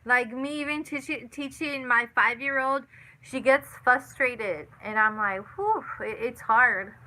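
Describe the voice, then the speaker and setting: A chatty woman in her thirties with a bright, fairly high voice. She hosts a casual live chat, talks loosely, repeats herself and keeps adding "you know". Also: steady tone, a little slow, rough recording. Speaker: livestream host. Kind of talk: casual live chat reading viewer comments.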